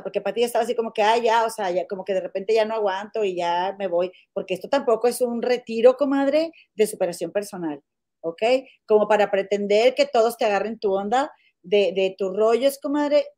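A woman's voice: mid-range voice, warm tone. A woman giving her opinions in a casual gossip chat, repeatedly calling her friend comadre.

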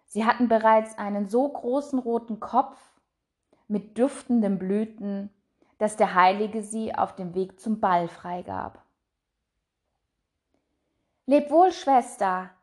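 A woman narrating a fairy tale in a soft, measured voice that trails off quietly. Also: mid-range voice. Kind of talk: storybook reading.

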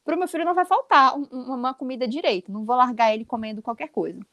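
A woman in her thirties with a Brazilian accent, co-hosting a casual chat and telling stories in a quick, emphatic, animated way. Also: high voice, no echo, highs cut off. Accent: Brazilian Portuguese. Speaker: podcast co-host.

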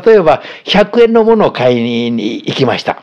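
A man in his sixties with a Kansai accent, a former shop owner telling stories in an animated podcast chat, often chuckling. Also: medium pitch, moderate pace. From Osaka, Japan. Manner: animated storytelling with frequent chuckles. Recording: slightly dull podcast audio.

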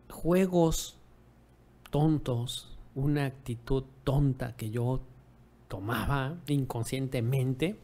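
A man's voice: medium pitch, dark tone. A man giving dog-owning advice in a casual monologue, often ending remarks with rhetorical tag questions and acting out what people said. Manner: rhetorical tag questions, acts out quoted dialogue.

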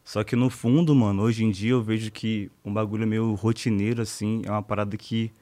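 A man's voice: lowish voice, fairly even intonation, a little fast, mellow. A Brazilian man, a podcast guest, chatting casually in a laid-back, slangy way. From Brazil, born in Salvador, raised in Manaus. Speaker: guest, rapper.

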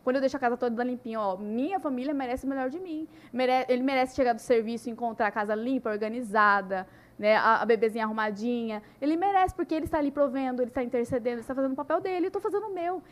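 High, fast-talking woman. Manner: animated, many "né" tags. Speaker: podcast guest. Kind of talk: casual testimony chat.

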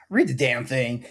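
A man co-hosting a casual podcast with a lively, animated voice. He jokes at his own expense and restarts his sentences often. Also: medium pitch, breathy edge. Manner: self-deprecating, joking, halting restarts. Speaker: podcast co-host.

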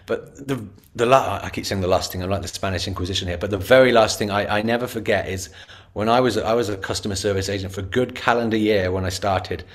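A man answering an interview question in a casual, animated way, often acting out bits of quoted dialogue. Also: on the low side, quick pace. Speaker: interview guest, customer experience leader.

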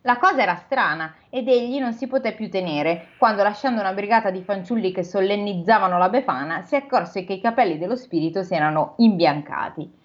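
A woman's voice: mid-range voice, brisk. A woman host reading a classic novel aloud and breaking off for casual, joking asides. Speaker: podcast host and reader. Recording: dull lo-fi sound.

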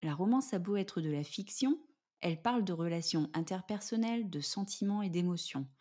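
Soft mellow woman hosting a podcast. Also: on the low side, lively intonation, brisk. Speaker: podcast host. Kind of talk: scripted podcast narration.

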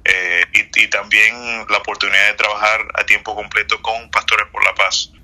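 A man's voice: fairly low pitch, flat delivery, moderate pace, sharp tone, rough recording. A man from the Dominican Republic, a guest in an interview, speaking earnestly with frequent filler sounds. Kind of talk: interview conversation.

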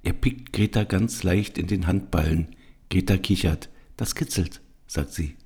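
Male narrator, first-person story reading, calm, gravelly, husky. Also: sits low, moderate pace.

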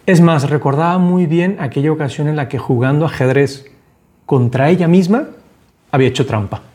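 A man's voice: fairly high pitch, normal speed, darkish tone. Earnest man giving motivational advice. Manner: earnest, encouraging, addresses listener directly. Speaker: podcast host. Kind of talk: reflective motivational talk.

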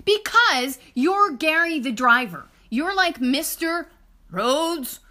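Bright, teasing woman with a lively voice. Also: sits high. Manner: teasing, animated, quick to laugh. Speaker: podcast co-host. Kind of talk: casual banter between spouses. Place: small studio.

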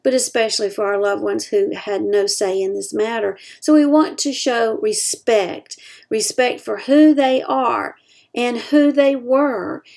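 A woman giving earnest advice to caregivers, slowing down to stress her key points. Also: fairly high pitch, creaky, darkish tone. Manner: acts out example quotes in other voices.

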